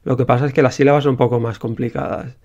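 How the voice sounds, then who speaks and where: A man's voice: medium pitch, steady tone, quick pace, a little mellow, muffled recording. A young man with a Spain Spanish accent, an indie game developer telling casually how he made his game, rambling with many fillers.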